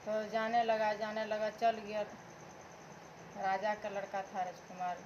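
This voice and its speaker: A woman's voice: mid-range voice, flat delivery, measured pace. A woman telling an old folk tale aloud in a rambling, repetitive, homespun way. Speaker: storyteller. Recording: dull lo-fi recording, faint hum.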